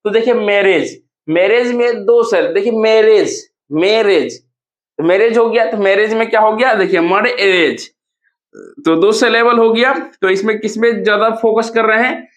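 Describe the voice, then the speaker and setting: High-voiced teacher in an echoey room. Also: male voice. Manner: repeats words slowly to show stress, asks and answers own questions. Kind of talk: exam-prep lesson.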